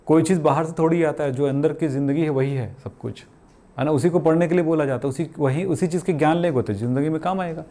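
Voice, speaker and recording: A man's voice: fairly high pitch, fast, mellow. A middle-aged man teaching a chemistry lesson in a chatty way, asking and answering his own questions and using everyday examples. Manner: colloquial, calls students beta, jokes. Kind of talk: chatty classroom lecture.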